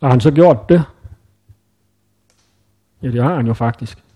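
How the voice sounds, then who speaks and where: Mellow-voiced man teaching scripture. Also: medium pitch. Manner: informal, thinking aloud with many hesitations and self-corrections. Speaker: preacher. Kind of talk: conversational Bible teaching.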